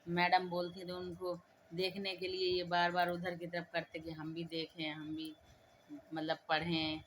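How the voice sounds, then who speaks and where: A woman with a lowish voice talks through a phone vlog at home, matter-of-fact and patient as she walks through a child's day. Her voice sits a touch low, and a faint hiss runs under the room. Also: monotone, moderate pace, fairly bright tone. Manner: coaxing, repeats prompts to the child; plain, matter-of-fact explaining.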